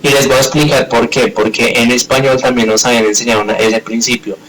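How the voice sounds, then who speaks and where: A man's voice: mid-range voice, little pitch movement, quick pace, a bit bright, a little hiss or hum, poor audio. A man teaching a live grammar class, explaining step by step in a patient way and checking often that students follow. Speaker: English teacher.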